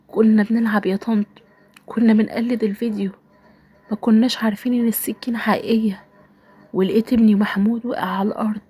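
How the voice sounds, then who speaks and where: A woman with an Egyptian Arabic accent narrates a first-person story in a soft, sorrowful tone that often drops to a half-whisper. Her voice is breathy and husky, sitting at a middle pitch for a woman.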